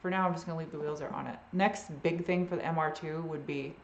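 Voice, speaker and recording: Roomy, low-fi woman rambling casually. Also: steady tone, quick pace, dull audio, a little hiss or hum. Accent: Boston. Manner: rambling and unsure, often trailing off. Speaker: host answering viewer questions. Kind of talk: casual live Q&A chat.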